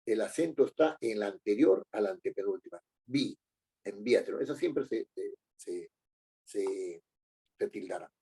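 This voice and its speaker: A man teaching a lesson, pausing often with fillers and tag questions. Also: fairly low pitch, lively intonation, mellow, breathy edge. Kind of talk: lecture.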